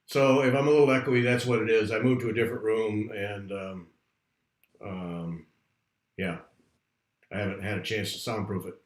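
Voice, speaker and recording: A man hosting a casual livestream chat, talking in a rambling, chatty way from a room at home that is not soundproofed, so his voice comes back with a clear room echo. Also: on the low side, fairly even intonation, moderate pace, pauses often. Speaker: host. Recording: echoey unsoundproofed room.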